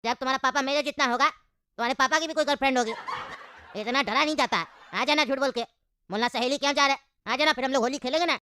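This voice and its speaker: A woman's voice: high-pitched, quick pace, bright, forceful tone, a little hiss or hum. Woman doing a wheedling cartoon young man. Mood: coaxing. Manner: coaxing, wheedling. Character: smooth-talking young man coaxing a girlfriend.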